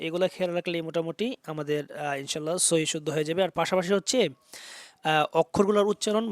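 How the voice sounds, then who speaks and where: A man teaching Quran reading, spelling out Arabic letters in Bengali and chanting the verses in a raised, drawn-out voice. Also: on the high side, dry recording. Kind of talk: tajweed lesson, spelling out letters then reciting.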